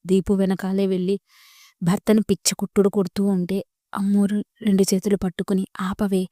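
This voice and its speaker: A woman storyteller reading a scripted story narration in a steady, even way. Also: medium pitch, brisk, no room sound, clean studio sound.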